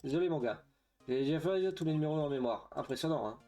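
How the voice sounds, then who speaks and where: A man voicing a gruff, friendly police detective in a video game, dropping low at the ends of phrases. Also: lively intonation, fast talker, mellow, faint music behind, natural voice.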